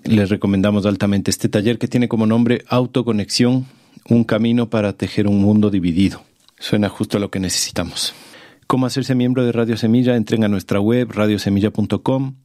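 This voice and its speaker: A man's voice: fairly low pitch, fairly even intonation, a little fast, warm tone, no room sound, clean studio sound. A man hosting a podcast, talking in a casual, enthusiastic and informal way. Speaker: podcast host.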